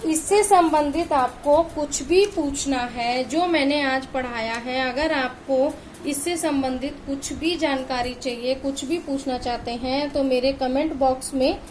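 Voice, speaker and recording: High-pitched lady teacher going over grammar with kids, repeats stuff, faint hum behind. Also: unhurried, hardly any pauses, a little mellow, poor audio. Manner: patient, repeats key points and checks understanding. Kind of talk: grammar lesson for children.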